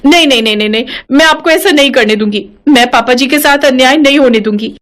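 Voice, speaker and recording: A woman's voice: sits high, fast talker, a bit bright, slight background noise. A woman voicing an anxious daughter-in-law, pleading and melodramatic. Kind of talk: animated story voice acting.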